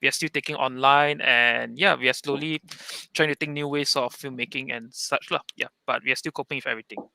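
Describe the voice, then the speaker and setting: A man's voice: medium pitch, fairly even intonation, fairly quick, creaky, hardly any pauses, pushed and bright, clear, resonant tone, dry recording. A young man from Malaysia with a Malaysian English accent, a university student filmmaker, speaking loosely with many fillers. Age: young adult. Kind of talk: live online Q&A panel.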